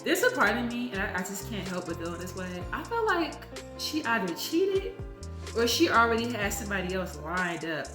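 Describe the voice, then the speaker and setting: A woman hosting her channel, reacting to a clip in a chatty, expressive way. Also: mid-range voice, moderate pace. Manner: chatty, expressive, gives little "mm-hmm" prompts. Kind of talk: casual reaction commentary. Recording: echoey room with music behind.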